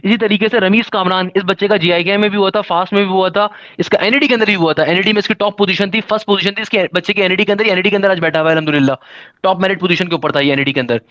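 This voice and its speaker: Guy teaching test prep, kinda high voice, upbeat, dull lo-fi sound. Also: steady tone, fairly bright tone. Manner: upbeat, lists students rapidly with fillers. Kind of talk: video guidance lesson.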